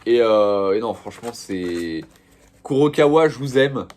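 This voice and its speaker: A man's voice: fairly low pitch, lively intonation, unhurried, darkish tone. A young man showing off his manga purchases in a casual, slangy, rambling chat full of fillers. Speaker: manga vlogger.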